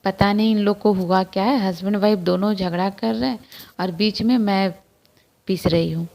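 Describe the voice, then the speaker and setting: A woman's voice: mid-range voice, steady tone, normal speed, creaky, darkish tone, lightly acted. A woman voicing a weary older mother-in-law who complains in a resigned way.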